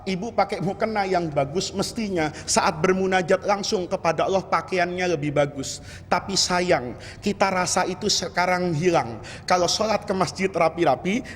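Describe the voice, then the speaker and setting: A man gives a mosque sermon in a high, animated voice. He teases his audience and keeps addressing them directly. His voice rings out in a large hall with a long reverb. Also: slight background noise. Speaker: preacher.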